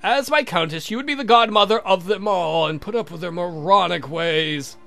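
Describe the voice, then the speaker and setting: A man voices a courtly, lovestruck vampire count from a visual novel game, confessing earnestly in a formal, verbose manner. His exaggerated voice is high, gravelly and sharp-toned at a moderate pace, with faint music behind.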